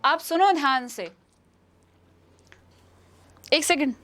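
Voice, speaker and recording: High-voiced Indian woman teaching English. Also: expressive, slow pace, a bit bright. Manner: repeats questions and answers, calls students "beta". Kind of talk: live online exam-prep lesson.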